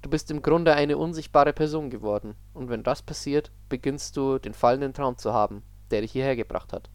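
A man voicing a sad, weary male creature from a dream realm, speaking softly and with subdued sighs in a horror story reading. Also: mid-range voice, brisk, clean tone, no room sound, natural voice. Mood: somber.

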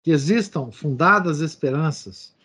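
A man's voice: on the high side, animated, unhurried, fairly bright tone, husky. A man reading a text aloud and commenting on it like a lecturer, breaking in with asides and habitual tag questions. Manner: reads quoted passages, adding asides and verbal tics like "né?". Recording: dull lo-fi recording.

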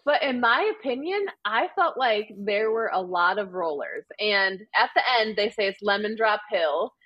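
A woman with a Wisconsin accent chats easily as a podcast guest, filling her sentences with ums and likes. Her voice sits at a middle pitch and comes through a somewhat dull, dry, lo-fi recording. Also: expressive, normal speed, slightly rough, dry recording. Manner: chatty, frequent ums and likes. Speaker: podcast guest, marathon runner. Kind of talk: casual interview chat.

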